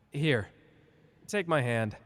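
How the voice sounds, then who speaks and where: A man's voice: medium pitch, fairly bright tone, full character voice. Man acting cocky, flirty Gojo in long reverb. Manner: teasing, casual, boastful. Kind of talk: ASMR character roleplay addressed to listener.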